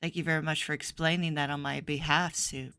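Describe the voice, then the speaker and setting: A woman voicing a gentle, modest nun who speaks softly and politely. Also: low-pitched, little pitch movement, a little fast, a little hiss or hum.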